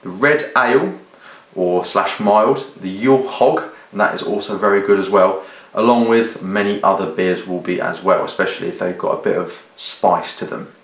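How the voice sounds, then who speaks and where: A deep-voiced British man speaks at normal speed, giving a casual product review to camera. He rambles, hesitates and keeps rephrasing, and the recording sounds roomy and echoey.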